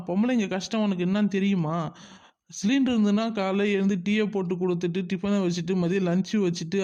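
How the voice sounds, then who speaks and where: A man's voice: high voice, a little mellow, lightly acted. A man voicing an exasperated cartoon village housewife who rattles off her chores in a breathless rant. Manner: breathless, rapid listing.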